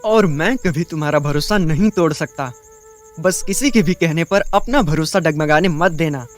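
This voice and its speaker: Man voicing a protective young husband for an audio drama, high voice, earnest and quick to anger. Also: faint music behind, lightly acted. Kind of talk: Hindi audio drama acting.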